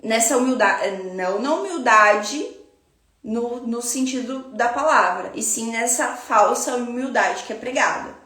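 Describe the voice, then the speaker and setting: A woman with a Brazilian Portuguese accent gives a spiritual self-help talk, her voice sitting high and her delivery slow and reflective. She speaks straight to the listener like a teacher. The sound carries the echo of a roomy space. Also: bright, forceful tone.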